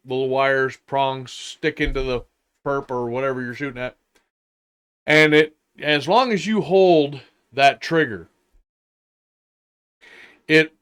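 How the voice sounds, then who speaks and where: An older man giving an unscripted, indignant opinion rant, halting and deliberate, with long pauses and emphatic repetition. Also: medium pitch, a bit bright, clear, resonant tone. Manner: indignant, emphatic, repeating phrases. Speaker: vlogger giving his opinion.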